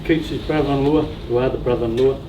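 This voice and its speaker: A man, the oldest brother-in-law, giving a steady and lightly humorous eulogy at a funeral. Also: medium pitch, quick pace. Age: older. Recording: roomy venue heard from a distance with background noise.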